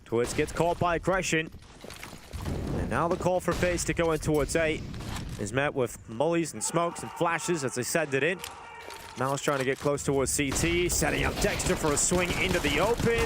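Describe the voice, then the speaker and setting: A man's voice: on the high side, noisy background. A man commentating on an esports match as a caster, in flowing, narrative sentences.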